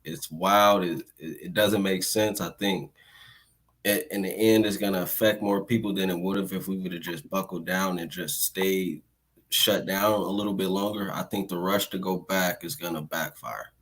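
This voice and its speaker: A man with a deep, low voice talks in an unhurried, laid-back way. He hosts a casual interview, never raises his voice, and often trips over a word before settling into his point. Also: slightly rough, rough recording. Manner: calm, laid-back, measured, with restarts. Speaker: host, state senator.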